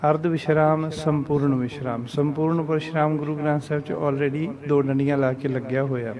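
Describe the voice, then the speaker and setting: A man teaching a scripture pronunciation lesson, reciting verses slowly and deliberately and repeating corrections. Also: on the high side, steady tone, crowd noise. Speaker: Gurbani teacher.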